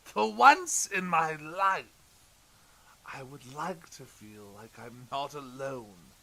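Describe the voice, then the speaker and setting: Shrill theatrical villain clown. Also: male voice, lively intonation, takes it slowly, creaky, exaggerated voice, low-quality recording. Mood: anguished rage. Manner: theatrical, swinging from hushed to shouting. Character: the Joker, unhinged theatrical villain clown, anguished and menacing. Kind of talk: audio drama acting.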